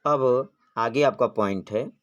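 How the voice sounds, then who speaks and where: A man's voice: medium pitch, slow, dull audio. A man teaching an exam-prep grammar lesson, posing questions and answering them himself, drawing out vowel sounds when he demonstrates them.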